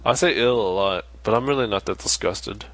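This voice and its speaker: A man co-hosting a casual late-night podcast chat, rambling through stories with halting restarts. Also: fairly low pitch, fairly bright tone, slight background noise. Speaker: podcast co-host.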